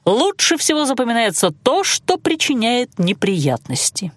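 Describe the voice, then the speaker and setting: A woman's voice: on the high side, big pitch swings, a little slow, slightly rough, dry recording, clean studio sound, exaggerated voice. A woman reading an audiobook voices a stern male magic instructor who barks commands and makes sarcastic remarks. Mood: stern commanding.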